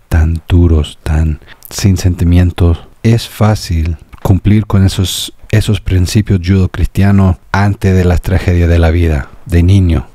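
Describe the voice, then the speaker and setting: A man's voice: sits low, dark tone, dry recording. A young man with an American accent, a native English speaker, talking through his thoughts in a casual, searching reaction vlog. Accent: American, speaking Spanish. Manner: thoughtful, searching, with restarts and musing questions. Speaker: music reaction vlogger. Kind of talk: casual reflective monologue.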